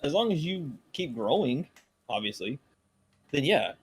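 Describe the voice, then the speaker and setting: A man's voice: a little high, sing-song, unhurried, husky. A young man with a Southern US accent hosting a casual podcast, talking sports with emphatic, profane remarks and stammered restarts. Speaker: podcast host. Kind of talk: casual chat.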